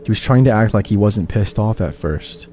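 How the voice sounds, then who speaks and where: A man narrates a true horror story in the first person, in a low voice. His tone is dark and mellow, and he keeps an even storytelling pace. Soft music plays faintly behind him. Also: moderate pace.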